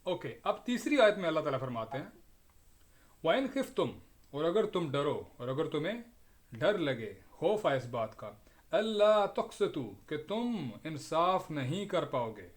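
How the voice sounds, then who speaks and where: A man with a fairly high voice teaching an online class on scripture. His delivery is explanatory and patient: he repeats phrases, mixes in English words and keeps asking "okay?". He is heard through a video-call microphone. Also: sing-song. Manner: explanatory, often checks in with "okay?". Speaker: Quran teacher.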